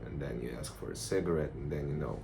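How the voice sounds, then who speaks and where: A man giving a casual, rambling vlog monologue in a blunt, profane, halting way. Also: extremely low pitch, creaky. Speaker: vlogger. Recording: noticeable background noise.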